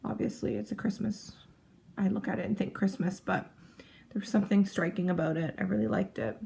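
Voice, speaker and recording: Chatty woman with a gravelly voice. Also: mid-range voice, steady tone, a little fast, warm tone, slight background noise. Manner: chatty, rambling, self-interrupting. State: heavily pregnant. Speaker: cross-stitch vlogger. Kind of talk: casual chat to camera.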